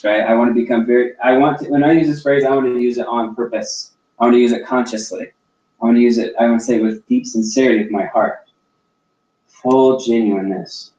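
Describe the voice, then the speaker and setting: A man's voice: mid-range voice, a little mellow. Earnest man talking in a roomy space. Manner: earnest, searching, with frequent restarts. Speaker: podcast host. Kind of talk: reflective casual talk. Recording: roomy, distant, dull lo-fi sound.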